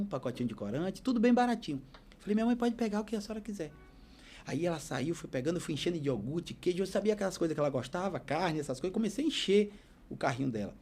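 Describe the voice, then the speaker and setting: A man's voice: a little high, darkish tone, slightly rough. A man, a podcast guest telling his life story as a heartfelt, preacherly testimony. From Bahia, Brazil.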